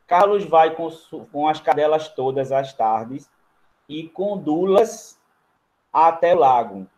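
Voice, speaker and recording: A man's voice: on the high side, animated, takes it slowly, darkish tone. A man with a Brazilian accent teaching a grammar lesson. He explains each step in turn while writing on a board and keeps checking in with the class. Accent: Brazilian Portuguese. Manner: writes on a board while talking.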